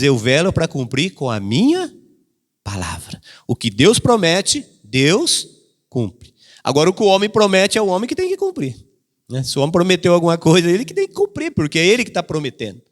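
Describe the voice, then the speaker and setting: Man preaching, pastor, high voice, repeats key phrases, acts out quoted voices, long church reverb. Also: fairly bright tone. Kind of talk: sermon. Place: church hall.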